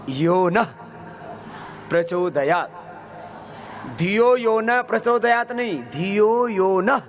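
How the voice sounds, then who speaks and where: A man leading a youth camp as a yoga teacher, chanting slowly and correcting the crowd's pronunciation with humorous questions. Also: high voice. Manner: slow, drawn-out chanting with corrective explanations.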